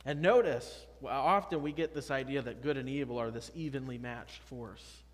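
A pastor in his thirties delivers a conversational yet emphatic sermon in a medium-pitched voice at normal speed. He speaks at the pulpit of a church sanctuary, picked up by a pulpit mic and a distant camera, with long church reverb.

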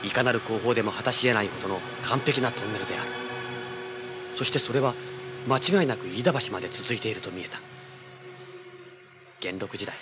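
In a hard-boiled audio drama backed by dramatic music, a male actor with a lowish voice narrates and speaks as a swaggering, tough young treasure hunter. The performance is rough-spoken and sardonic but only lightly acted.

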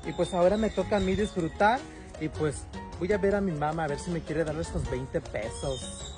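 A man playing Dayanna, a young village woman who came back from the capital with an affected Mexico City slang, speaking in a slow, dismissive drawl. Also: fairly high pitch, music in the background, pitched below the performer's own voice, natural voice. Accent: put-on Mexico City slang. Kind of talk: comedy sketch acting.

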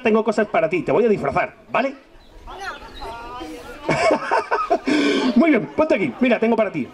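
Playful man entertaining kids, lively pitch. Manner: playful, teasing, exaggerated exclamations. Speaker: children's entertainer and magician. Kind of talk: lively show patter with children. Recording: outdoor event with crowd of children. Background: crowd of children.

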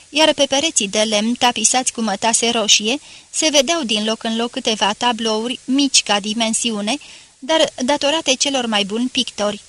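A woman reading a classic novel aloud as an audiobook narrator, in a measured, literary manner. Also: a little high, pushed and bright. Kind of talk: scripted narration.

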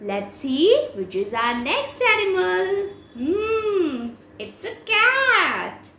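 A woman's voice: very high-pitched, big pitch swings, extremely slow, pushed and bright, a little hiss or hum. A young woman teaching small children a rhyme in a sing-song way, as if reading to a toddler, with simple questions. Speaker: children's poem presenter, teacher. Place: small decorated indoor room. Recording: echoey room.

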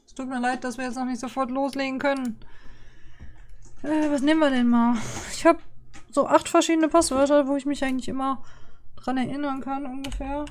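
A woman's voice: sits high, level tone, brisk, slight background noise. A woman streaming a game live, chatting casually, reading menus aloud and grumbling sarcastically at the login screens. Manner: reads on-screen text aloud. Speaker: livestreamer. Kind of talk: casual livestream chat.

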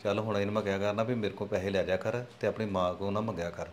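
A man's voice: on the low side, little pitch movement, rapid-fire, a little hiss or hum, lightly acted. A man playing a middle-aged village father who coaxes his son and plots with his wife. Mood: scheming. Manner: coaxing, fatherly. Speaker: actor. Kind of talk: family drama skit.

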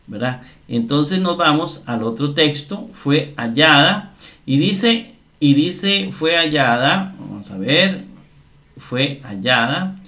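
Male teacher, unhurried delivery, repeats key terms, walks through grammar step by step. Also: on the high side, pushed and bright. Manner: slow, explanatory, repeats words and asks "¿verdad?". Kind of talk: screen-share grammar lesson.

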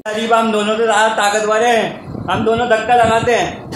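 A man's voice: high-pitched, flat delivery, moderate pace, noisy background. A man filming a casual family vlog at home, teasing and coaxing children in a playful way. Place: home indoors.

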